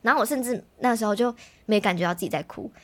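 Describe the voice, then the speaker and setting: A young woman, telling a personal story in animated, casual chat as a podcast host. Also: fairly high pitch. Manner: fast, animated storytelling, mimics others' voices.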